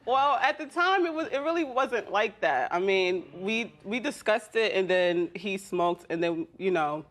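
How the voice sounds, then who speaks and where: A woman's voice: mid-range voice, expressive. Whiny young woman complaining in court. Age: 20s. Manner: hesitant, halting explanations. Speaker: litigant complaining about partner in a TV court show. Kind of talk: courtroom testimony.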